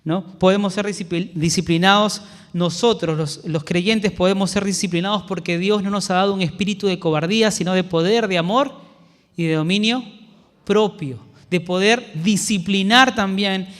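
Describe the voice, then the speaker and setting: A man with a Peruvian accent preaching a sermon as pastor, earnest and turning soft when he tells a personal story. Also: high voice, steady tone, normal speed. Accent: Peruvian Spanish. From Peru. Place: church sanctuary. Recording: long church hall reverb.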